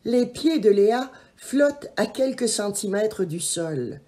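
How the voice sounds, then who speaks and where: A woman reading a children's story aloud in an expressive, measured way. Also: medium pitch. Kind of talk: scripted children's story narration.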